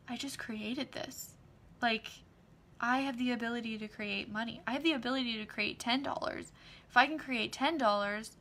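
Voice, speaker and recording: A woman talking casually on a live video, excitedly promoting her book club and class, with many fillers. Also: on the high side. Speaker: online class facilitator.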